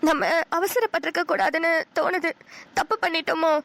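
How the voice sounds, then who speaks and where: A woman voicing a gentle, anxious young bride in a cartoon, speaking softly and pleadingly. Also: very high-pitched, fairly quick, dry recording. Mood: worried. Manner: soft, worried, pleading. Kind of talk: cartoon voice acting.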